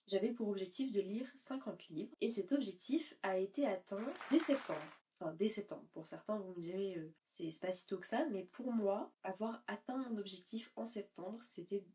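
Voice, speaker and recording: A woman's voice: medium pitch, moderate pace, dark tone, far from the mic. Nasal, congested woman book vlogger chatting casually to camera, a little off-mic. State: stuffy nose from a cold.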